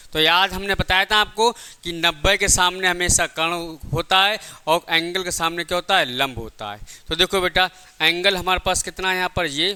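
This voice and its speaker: With a smooth voice that sits high and has a sharp tone, a man teaches a physics lesson in the classroom. He explains step by step in a didactic way, repeatedly asking and answering his own questions.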